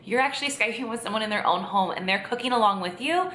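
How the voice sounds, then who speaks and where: Chatty woman, bright echoey voice. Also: a little high, fast. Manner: chatty, gushing, many fillers and restarts. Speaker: vlogger. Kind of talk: casual vlog chat.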